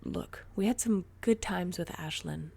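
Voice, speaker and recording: A woman's voice: lowish voice, unhurried, creaky, dark tone, husky, exaggerated voice. A woman voicing a stiff, distrustful teenage boy borrower who speaks in a clipped, defensive way in a storybook reading. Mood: wary, defensive.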